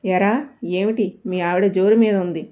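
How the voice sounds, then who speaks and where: A woman's voice: medium pitch, fairly even intonation, a little slow, dark tone, dull audio, lightly acted. A woman voicing a harsh, domineering male village landlord who talks in a mocking, commanding way.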